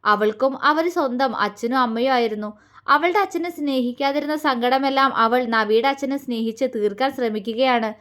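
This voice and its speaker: Woman storyteller, calm scripted narration, high voice. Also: normal speed.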